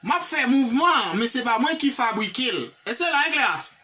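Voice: mid-range voice, big pitch swings, moderate pace, sharp tone, recorded from a distance. A teacher with a Haitian accent giving a classroom grammar lesson, drilling example sentences one by one and checking in with the class. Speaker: English teacher.

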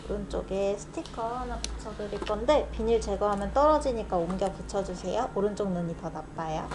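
A woman's voice: medium pitch, brisk, noisy background. Masked woman optician explaining lenses politely. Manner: polite, patient and informative. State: speaking through a face mask. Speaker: optician at a contact lens shop. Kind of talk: explaining products to a customer. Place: small contact lens shop, indoors.

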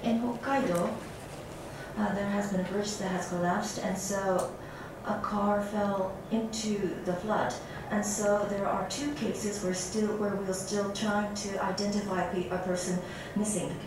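A woman's voice: medium pitch, steady tone, a little slow. A woman doing live simultaneous interpreting of a press conference, speaking steadily with frequent fillers and self-corrections. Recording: echoey, distant, noisy clip played back in a lecture room.

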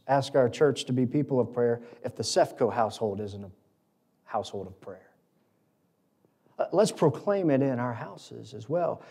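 A middle-aged American pastor preaches a sermon from a lectern microphone on an indoor auditorium stage. His medium-pitched voice is gravelly and dark, and he speaks emphatically, building up short repeated phrases.

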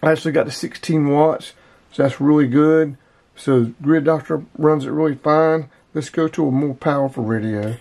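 A man in his fifties with a fairly high, creaky, slightly mellow voice talks at normal speed through a gear demo. The outdoors and radio hobby vlogger is plainspoken and rambling, repeating numbers, recorded on a close camera mic in a small indoor room with no room sound.

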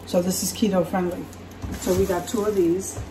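A woman's voice: lowish voice, moderate pace, heavy background noise. A woman chatting casually as she unpacks and shows her groceries in her home kitchen. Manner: chatty, relaxed, self-correcting. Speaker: vlogger. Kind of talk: casual grocery haul chat. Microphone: camera across the counter. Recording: echoey kitchen, camera from far off.

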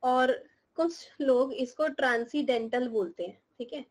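The audio is poor as a young woman, high-pitched and unhurried, runs a live class in Hindi blended with English. She explains terminology, fires teasing and scolding questions at students, and laughs a lot.

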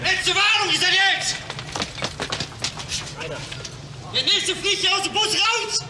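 A man's voice: extremely high pitch, normal speed. A man screaming threats and curses in a berserk rage, outdoors on a street, picked up by a distant microphone. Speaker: hostage taker. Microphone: far camera microphone. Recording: distant echoey shouting, noisy street, archive footage.

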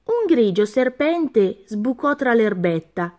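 A woman reading a rhyming children's storybook aloud, with an expressive, sing-song delivery. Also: a little high, slow.

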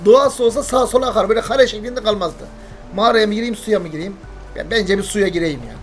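A man's voice: sits high, fast talker, soft background music. A man narrating a gameplay video in a chatty, playful role-play style, talking to his viewers as friends. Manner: chatty, addresses viewers as friends, mock-dramatic. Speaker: gaming YouTuber.

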